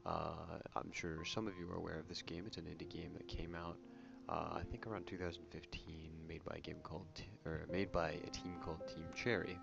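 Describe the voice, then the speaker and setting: Here the same kind of YouTube gaming host offers soft-spoken ASMR commentary on a video game, his very low voice carrying a crackly, fry-heavy edge but never dropping to a whisper. He rambles casually and keeps correcting himself, speaking briskly in a level tone with few pauses. Prominent music plays over slightly muffled audio.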